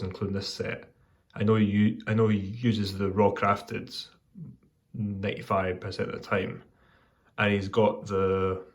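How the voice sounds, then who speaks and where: A man with a fairly low voice gives a casual hobby vlog update. He talks in a meandering, hesitant way, often stopping to correct himself partway through a sentence. The delivery is unscripted and conversational. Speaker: hobbyist vlogger giving updates.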